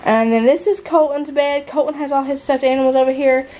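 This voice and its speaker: A woman's voice: high-pitched, steady tone, brisk, crowd noise. A woman, chatting casually and rambling a bit as she tours her son's bedroom, filmed on a handheld camera. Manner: chatty, rambling with fillers and restarts. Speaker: vlogger, stay-at-home mom. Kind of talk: casual clean-with-me tour. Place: child's small red bedroom in a mobile home. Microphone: handheld camera at arm's length.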